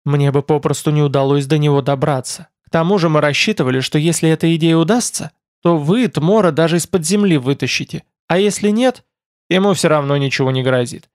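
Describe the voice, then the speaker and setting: Quick-witted young woman, male reader, bright lifted voice, dry audiobook sound. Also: on the high side, dry recording, natural voice. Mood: reasoning. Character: young woman, bold and clever mage girl.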